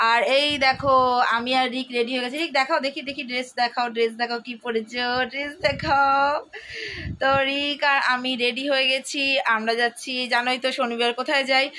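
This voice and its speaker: A woman's voice: high voice, pushed and bright, a little hiss or hum. A woman chatting casually to her viewers in a home vlog, walking them through her cooking and errands. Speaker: vlogger. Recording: background music under the voice. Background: music.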